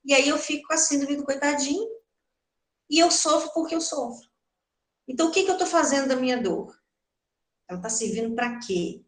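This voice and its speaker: A woman's voice: sits high, brisk, long pauses. Chatty Brazilian woman lecturing in a roomy hall. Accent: Brazilian Portuguese. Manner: conversational, asks the audience many rhetorical questions. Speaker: spiritist lecturer. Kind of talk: doctrinal lecture. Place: lecture hall of a spiritist center.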